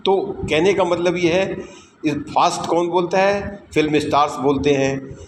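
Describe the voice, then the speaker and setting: Indian guy giving an english lesson, stresses every word, echoey room with noise behind. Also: on the high side. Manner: deliberate, stressing each word; switches between Hindi and English. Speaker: English teacher.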